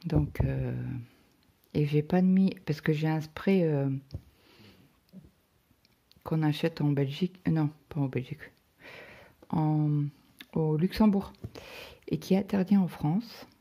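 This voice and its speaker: A middle-aged woman talks casually to her viewers, wandering through a story and stopping on hesitant fillers. Her voice sits low and dark, with a gravelly, husky texture. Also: slow pace, pauses often. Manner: rambling storytelling full of "euh" fillers. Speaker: craft vlogger. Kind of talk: casual chat.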